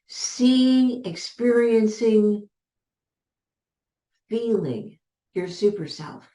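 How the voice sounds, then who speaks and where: Slow-spoken woman business coach, roomy sound. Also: fairly low pitch, a little mellow. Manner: measured, repeats key words for emphasis. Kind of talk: motivational teaching talk.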